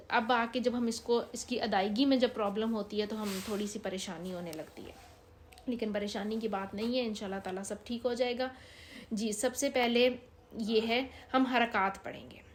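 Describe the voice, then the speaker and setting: Patient woman teaching a reading lesson. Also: a little high. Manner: patient, explanatory, with many hesitations. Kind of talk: recorded Arabic reading lesson.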